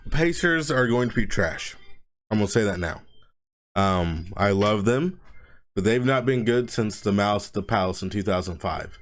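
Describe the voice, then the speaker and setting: A man's voice: lowish voice, lively intonation, moderate pace. A father venting in a casual sports rant, blunt and mocking as he rambles from one gripe to the next. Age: adult father. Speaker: sports vlogger.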